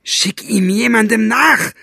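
A man's voice: sits high, moderate pace, vocal fry, sharp tone, breathy edge, no echo, studio quality, voice pushed up, exaggerated voice. A man voicing a vicious male henchman behind bars, shrieking insults and threats. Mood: raging.

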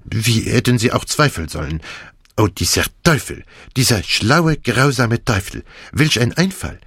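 A man voicing an excitable, fussy aging Belgian detective with a theatrical, exclamatory delivery. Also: medium pitch, a little slow, breathy edge, no echo, studio quality, pitched above the performer's own voice, exaggerated voice. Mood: distraught. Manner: theatrical, exclamatory, self-reproaching.

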